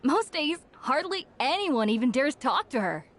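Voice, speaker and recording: A woman's voice: high voice, sing-song, moderate pace. A woman playing a cheeky, genial young tavern keeper in a video game, chatty and polite. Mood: teasing, cheerful. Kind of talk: animated video game acting. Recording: music behind the voice.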